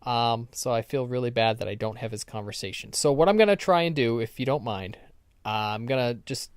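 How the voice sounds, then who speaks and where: A man's voice: mid-range voice, expressive, a little fast, clear, resonant tone, no room sound, studio quality. A man co-hosting a podcast in casual chat, rambling through stories with ums and restarts. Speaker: podcast co-host.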